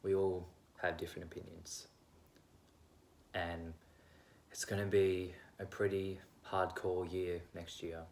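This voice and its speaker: A young man talks straight to his own camera at home, sharing his views in a loose, wandering monologue. His voice sits a little low, and he is quick to poke fun at himself. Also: flat delivery, gravelly, a little mellow. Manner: rambling, self-deprecating, candid. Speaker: vlogger. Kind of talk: casual opinion monologue.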